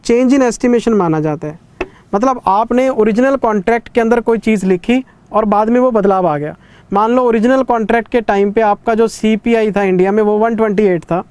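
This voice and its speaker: A man's voice: sits high, a little mellow, smooth, no room sound. A man in his thirties teaching an accounting revision class in a conversational lecturing way, stern yet caring with students. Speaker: CA exam teacher.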